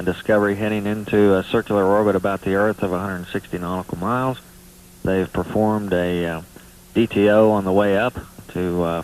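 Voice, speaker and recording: A man with a fairly low voice delivers live mission commentary. He is measured and matter-of-fact, giving technical readouts as a launch announcer. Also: poor audio. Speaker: NASA public affairs launch commentator.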